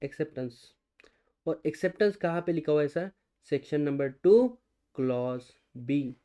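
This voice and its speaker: Indian male law tutor, a bit high-pitched, repetitive question-and-answer lecturing. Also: unhurried, warm tone, clear, resonant tone. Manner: quizzes students with repeated rhetorical questions; mixes Hindi and English, addresses students as guys. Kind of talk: recorded exam-prep lecture.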